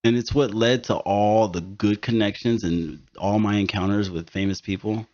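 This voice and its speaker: A man's voice: lowish voice, fairly even intonation, moderate pace, a little mellow. A man in his thirties hosting a podcast, telling stories in casual, profane, emphatic chat. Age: 30s. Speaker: podcast host. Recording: dull lo-fi studio recording.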